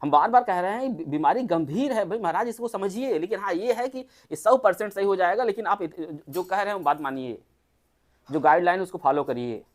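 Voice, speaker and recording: Doctor, mid-pitched, casual group health talk, keeps firing rhetorical questions. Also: lively intonation, brisk. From Uttar Pradesh, India. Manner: chatty, asks the listeners many rhetorical questions.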